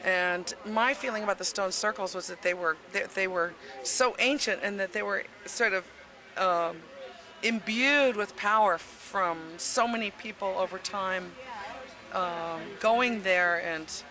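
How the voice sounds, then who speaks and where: A woman's voice: mid-range voice, unhurried. A woman in her fifties from the United States, answering an outdoor street interview into a handheld mic, rambling and thoughtful, searching for words. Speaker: interviewee, traveler on the bus. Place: outdoors at a busy public event. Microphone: handheld mic held by interviewer. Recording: crowd noise behind.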